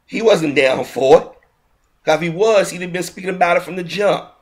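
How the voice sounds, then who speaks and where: A man with a high-pitched voice rants a little fast in a heated, indignant video commentary. His delivery is repetitive, and he keeps restarting sentences before finishing them.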